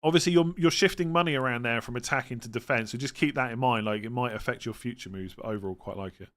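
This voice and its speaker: West country english guy chatting on a stream, mid pitched voice, informal and matter of fact, answering questions. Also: fast, a bit bright. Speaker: fantasy football livestream host. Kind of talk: casual livestream chat answering viewer questions.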